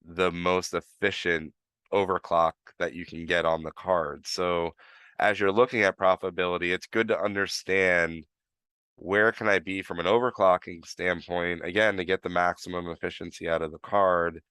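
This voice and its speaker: A man with a New York accent, slightly tinged with Florida, walks through the details in a loose, rambling way, full of "you know" and restarts. His voice sits very low and sounds smooth and resonant. The sound is dry and close. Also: steady tone, moderate pace, pushed and bright, no echo. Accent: New York, with some Florida. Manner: rambling, lots of fillers and restarts. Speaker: live stream host. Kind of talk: casual explanatory chat.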